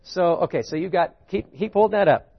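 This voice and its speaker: A man giving a lively sermon in a fairly high voice. He rises in pitch on his main points, checks in with the listeners and chuckles between points. The recording sounds dull and lo-fi. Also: brisk, vocal fry, husky. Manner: animated, rising pitch on key points, chuckles, asks "right?". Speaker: preacher. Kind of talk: sermon with audience participation.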